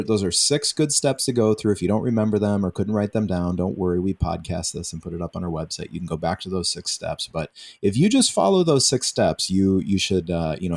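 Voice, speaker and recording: A man's voice: low voice, a little mellow. A man explaining financial and planning steps on a radio advice show, conversational, with easy laughs and restarted words. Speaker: financial advisor guest.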